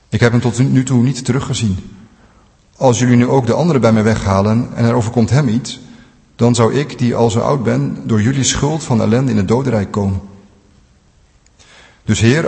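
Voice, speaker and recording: A man's voice: medium pitch, gravelly, a little mellow, long reverb tail, natural voice. A man reading as an imploring brother. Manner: earnest, imploring. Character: pleading adult male brother before a ruler.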